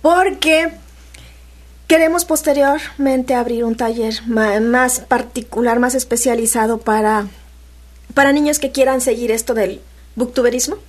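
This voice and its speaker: Woman, slightly high voice, radio guest, casual chatter, fillers and restarts. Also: fairly even intonation, measured pace. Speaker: radio guest, animation workshop leader.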